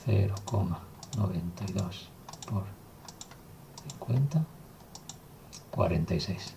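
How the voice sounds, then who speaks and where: Guy teaching math slow and step by step, low gravelly voice, faint hiss and typing behind. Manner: calm, step-by-step explaining while writing. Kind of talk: recorded math lesson.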